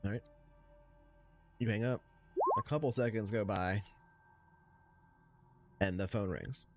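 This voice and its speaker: A man narrating a tabletop game as game master, relaxed and rambling. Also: lowish voice, slow pace, loud music behind the voice.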